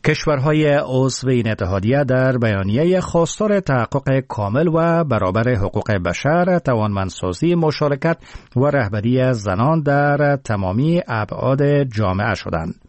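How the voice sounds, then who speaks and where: Male newsreader, studio-dry, steady and formal in his delivery. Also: mid-range voice, dry recording. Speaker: news anchor. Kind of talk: scripted news reading. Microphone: dry studio mic.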